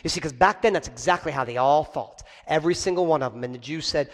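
A man's voice: a little high, fast. A male pastor preaching a sermon, telling stories animatedly and asking the congregation rhetorical questions. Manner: animated storytelling. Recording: long hall reverb.

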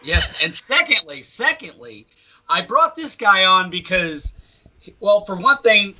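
A man's voice: high voice, animated, unhurried, pushed and bright. A man co-hosting a casual podcast, talking emphatically with frequent swearing. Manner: profane, emphatic. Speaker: podcast co-host. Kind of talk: casual chat. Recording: dull lo-fi audio.

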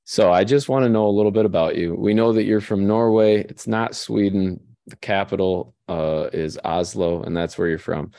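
Low-voiced Midwestern man hosting a podcast. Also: moderate pace, vocal fry, dark tone, no echo. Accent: Midwestern American. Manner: joking, rambling. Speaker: podcast host. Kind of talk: casual podcast chat.

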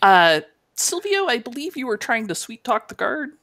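A woman narrating a tabletop game as game master, chatty and animated, with playful asides. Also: on the high side, moderate pace.

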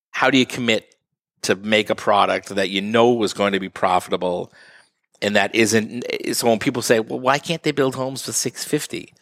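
Guy with a lowish voice explaining real estate stuff, dry close sound, keeps doing little quotes of buyers. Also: a bit bright, no echo. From northeastern Massachusetts. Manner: explains at length, acts out what buyers say. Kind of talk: casual interview talk.

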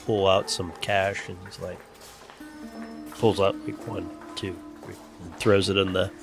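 A man playing a tabletop role-playing game, calmly describing his character's actions. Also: deep voice, a little slow, over music. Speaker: player.

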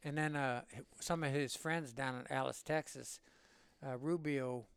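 A man in his seventies from Illinois, a veteran telling a war story in an interview, rambling and animated. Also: medium pitch, unhurried, vocal fry, clean tone, no room sound. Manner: rambling and animated, with laughs and acted-out quotes. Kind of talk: oral-history storytelling.

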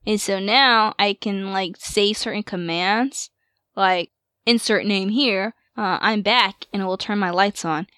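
A woman's voice: medium pitch, unhurried, pushed and bright, clean tone, no echo, studio quality. A young woman chatting casually as podcast co-host, hesitant and full of ums and likes. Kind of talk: casual chat.

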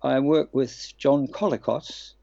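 Older man, gravelly, mid pitch, rambling anecdotes, muffled lo-fi sound. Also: steady tone, slow, dark tone. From Australia. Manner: chatty storyteller with frequent ums and restarts. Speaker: guest voice actor. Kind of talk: relaxed anecdotal interview talk.

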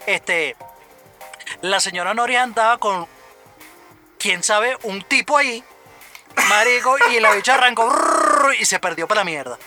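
A man with a Venezuelan accent telling a story in casual chat, animated, stammering and cursing a lot. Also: high-pitched, normal speed, pauses often, over music. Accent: Venezuelan Spanish.

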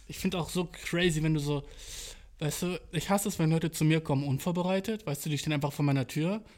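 A man's voice: on the high side, fast talker, a little mellow. A young man chatting casually as a podcast host, rambling in slangy, profane talk and acting out his inner voice. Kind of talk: casual chat.

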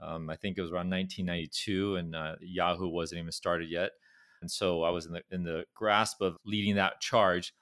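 His delivery is flat and fairly quick, a low-pitched, slightly bright voice in a dry, clean studio recording. He is a middle-aged pharmaceutical company chairman from Southern California with a Californian accent, a guest in a conversational interview who often repeats words while collecting his thoughts.

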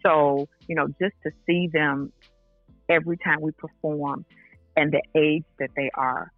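A woman's voice: deep voice, fairly even intonation, a little slow, no echo, soft background music. Woman singer, interview guest, earnest and enthusiastic, tinny phone line, dry sound.

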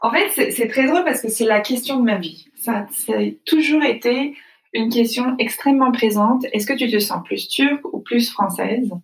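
A woman's voice: on the high side, moderate pace. A woman from France, speaking as an interview guest, reflective and full of hesitant fillers. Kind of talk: casual conversational interview. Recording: echoey room, distant from mic.

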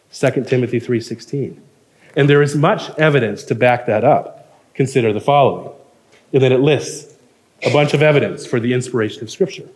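A man's voice: a little high, a little mellow. A man preaching a sermon, earnest and emphatic, reading quotations aloud and building to firm points. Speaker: pastor.

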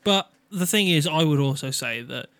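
A man's voice: fairly high pitch, lively intonation, moderate pace, fairly bright tone. A man with a Norfolk accent chatting casually as a podcast co-host. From Norfolk, England. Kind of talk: casual chat.

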